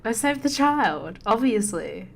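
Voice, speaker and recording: A woman's voice: a little high, big pitch swings, slow pace, vocal fry. A woman in her early twenties co-hosting a podcast, chatting casually, laughing often and speaking with emphasis. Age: early 20s. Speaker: podcast co-host. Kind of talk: casual chat.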